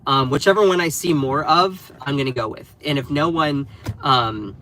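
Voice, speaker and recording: Here the North Carolina livestreamer, still a bit nasal after a cold, addresses his chat directly while commenting casually on politics. His slightly high voice sounds pushed and bright at a moderate pace, with slight background noise behind it.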